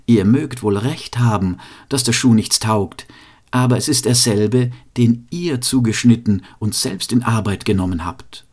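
A man voicing a calm, patient young shoemaker's apprentice who answers plainly in a fairy tale reading. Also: lowish voice, unhurried.

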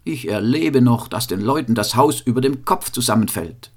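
A man voicing a cantankerous, fault-finding master shoemaker, scolding in a high nagging tone in a fairy tale reading. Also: very animated, normal speed, a bit bright.

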